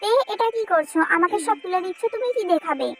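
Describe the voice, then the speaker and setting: A woman voicing a caring young village man who teases softly, with quiet music behind. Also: very high voice, lively intonation, fast. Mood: teasing.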